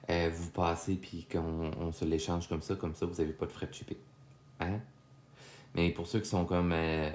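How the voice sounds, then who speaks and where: A man's voice: on the low side, darkish tone, echoey room. A young man with a Québécois accent, chatting casually with viewers while teaching a drawing lesson live, full of fillers and asides. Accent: Québécois French. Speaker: drawing instructor. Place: home studio.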